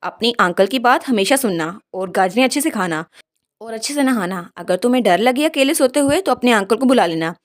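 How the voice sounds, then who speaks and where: A woman's voice: fairly high pitch, animated, brisk, lightly acted. A woman voicing a kind, emotional young heroine in a storybook retelling. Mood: tearful. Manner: earnest, anxious.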